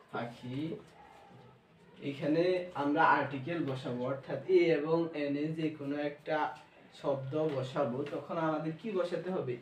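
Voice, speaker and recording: A man's voice: mid-range voice, slight background noise. A male English grammar teacher with a Bangladeshi accent, giving a classroom lesson and asking questions he then answers himself. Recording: echoey room, voice from far off.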